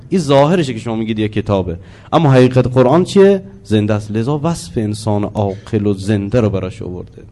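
A man teaching a religious lesson on the Quran. He explains slowly, asks the listeners questions and chants Arabic verses in a drawn-out voice. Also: medium pitch, warm tone.

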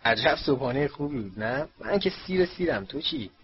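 A man's voice: a little high, big pitch swings, gravelly, muffled recording. A man voicing a defiant, cheeky teenage boy wizard in a raised voice, read from a storybook.

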